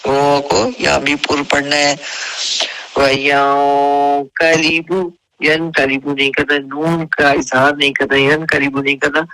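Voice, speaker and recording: A man gives a tajweed lesson. He draws out each recited verse in a bright, slightly raised voice, then switches to brisk explanations dotted with checking questions. The recording is close and dry, with no room sound. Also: fairly high pitch, little pitch movement, dry recording, low-quality recording. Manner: slow, drawn-out recitation alternating with brisk spoken explanations; checks understanding with repeated rhetorical questions. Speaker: Quran recitation teacher.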